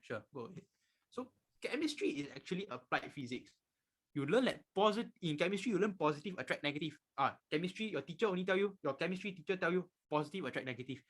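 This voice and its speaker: This physics tutor is a nineteen-year-old man with a Malaysian accent, his voice a little high and fairly bright. Teaching an informal online lesson, he stresses things emphatically and goes over his main points again and again.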